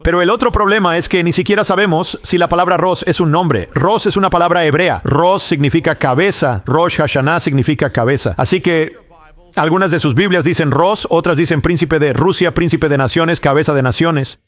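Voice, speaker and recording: A man giving a sermon as a Bible teacher, explaining and reasoning step by step in a measured way. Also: fairly high pitch.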